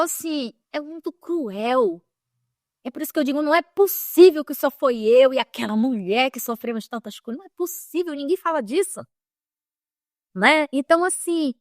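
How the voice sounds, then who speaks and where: A woman's voice: sits high, no echo, studio quality. A middle-aged woman from Manaus, Brazil, with a Northern Brazilian accent, giving an emotional personal testimony with many restarts. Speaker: interviewee.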